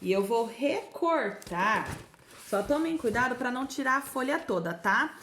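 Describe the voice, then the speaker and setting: A Brazilian woman teaching a remote lesson to young children, sounding out words syllable by syllable in a slow sing-song way. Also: a little high, lively intonation, fairly bright tone, slight background noise. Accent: Brazilian Portuguese. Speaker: primary school teacher.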